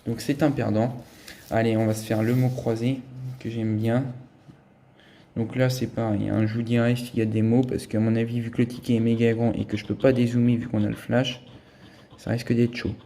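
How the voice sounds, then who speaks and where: A man's voice: medium pitch, flat delivery, moderate pace, mellow, a little hiss or hum. A man giving a casual running commentary as he scratches lottery tickets, thinking aloud as he checks each symbol and letter. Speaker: scratch-card vlogger.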